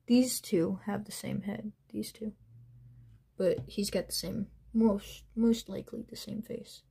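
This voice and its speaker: Young woman vlogging her toy collection, super gushy, slow drawn-out talk, mellow low-key tone. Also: fairly even intonation, creaky, breathy edge. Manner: gushing, breathless, trailing off and restarting. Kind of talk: excited unboxing vlog.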